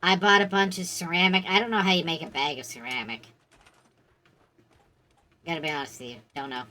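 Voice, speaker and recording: A woman's voice: lowish voice, fairly even intonation, brisk, pushed and bright. A woman streaming a game, chatting casually with friends in a wry, offhand way. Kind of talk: casual gaming chat.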